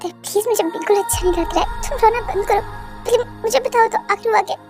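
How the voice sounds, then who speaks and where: A woman's voice: very high-pitched, quick pace, music in the background. A woman voicing a protective young man who anxiously coaxes and questions in a fan audio drama. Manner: urgent, coaxing, anxious questioning.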